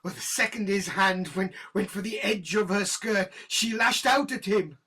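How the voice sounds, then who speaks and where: An actress voices an embittered, guilt-ridden middle-aged senior police detective with a British accent in a naturalistic audio drama. Her medium-pitched voice is a bit bright and husky. She delivers an anguished confession in a halting, bitter, emotionally volatile way.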